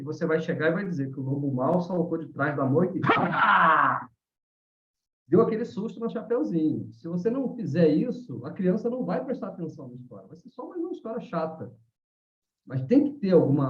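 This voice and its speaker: A man with a Brazilian Portuguese accent, teaching about haka in a live online talk, animated and storytelling, often ending phrases with a questioning tag. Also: a little high. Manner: animated storyteller, many "né?" tags. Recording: roomy, dull lo-fi sound.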